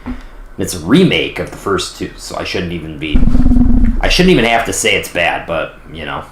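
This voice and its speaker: A man's voice: low-pitched, sing-song, normal speed, reverberant, background noise. A young man casually commentating his gameplay on stream, rambling and self-deprecating. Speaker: gaming streamer.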